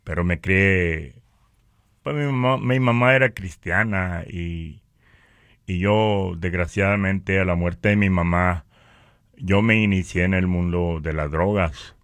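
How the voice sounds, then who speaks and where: This is a conversational religious testimony from a man from northern Mexico with a Mexican accent, who stumbles along and repeats words. His voice sits low with a fairly bright tone. The audio has no echo.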